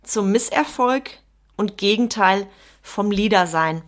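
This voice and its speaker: A woman's voice: medium pitch, slow pace. A woman business coach talking straight to the listener in a solo podcast, direct and emphatic.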